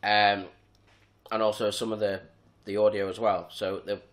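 A man's voice: on the low side, normal speed. A young man, talking casually and rambling a little as he vlogs from home. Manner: relaxed, rambling, with fillers and restarts. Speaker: vlogger. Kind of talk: casual vlog chat.

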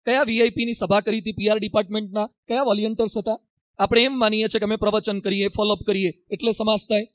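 A man's voice: high-pitched, quick pace, dry recording, lo-fi sound. A man, a monk, preaching a sermon with a Gujarati accent and acting out stories as he tells them. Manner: animated storyteller, acts out dialogue. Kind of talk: sermon with storytelling.

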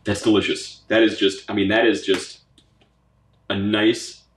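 Unhurried and a bit bright, this man's lowish voice has a flat delivery even as he enthusiastically goes through a gift box, repeating his words. He hosts a pipe tobacco channel, and this casual unboxing vlog is recorded in a roomy room with noticeable echo.

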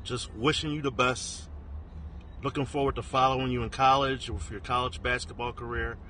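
A man's voice: medium pitch, little pitch movement, sharp tone, a little hiss or hum. A man, an uncle, recording a plain, friendly good-luck message outdoors. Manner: plain and friendly, a few filler pauses.

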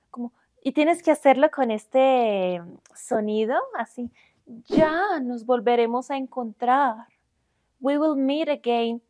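A young Colombian woman teaching Spanish grammar, giving examples slowly and clearly in Spanish and English. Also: high-pitched, dry recording, studio quality. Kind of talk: bilingual grammar lesson.

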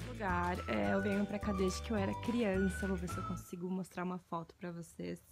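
A young Brazilian woman films herself on a phone and chats casually to viewers. Music plays clearly behind her voice. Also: mid-range voice, little pitch movement, a little fast. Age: young adult. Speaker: vlogger. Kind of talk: casual vlog chat. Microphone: handheld phone.

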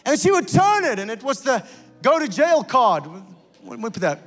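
A male pastor preaching a sermon in a church, telling stories and acting out voices with lively energy. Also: very high voice, moderate pace, in a large hall, soft background music. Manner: animated storytelling with acted-out voices. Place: church sanctuary.

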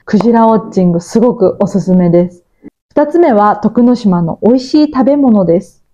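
Woman from tokunoshima teaching a listening lesson, clear and explainy, warm mellow voice, bit muffled recording. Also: medium pitch, animated, brisk. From Tokunoshima, Japan. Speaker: Japanese teacher and podcast host. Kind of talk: listening-practice lesson narration.

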